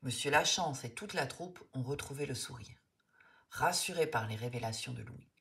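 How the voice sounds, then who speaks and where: A woman narrating a children's storybook in an expressive, lively way. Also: a bass voice, moderate pace, vocal fry.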